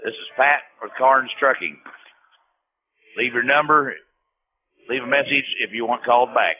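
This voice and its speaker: A man gives a short, matter-of-fact answering machine greeting for his trucking business. It comes through a thin, phone-like line with a faint hiss behind it. His voice sits at an ordinary pitch. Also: moderate pace. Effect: answering machine greeting heard over a phone call. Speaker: trucking company contact.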